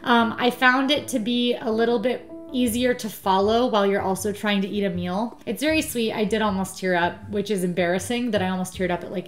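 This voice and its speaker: Bubbly woman vlogger, chatty. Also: medium pitch. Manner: bubbly, enthusiastic, chatty with fillers. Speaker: vlog host. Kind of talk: casual travel vlog chat.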